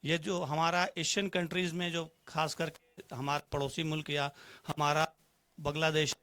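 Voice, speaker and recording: A man's voice: a little high, level tone, normal speed, bright, forceful tone. A man speaking as a guest on a televised panel, formal and rhetorical, using Urdu-flavoured Hindi with English phrases and acting out examples by changing his tone.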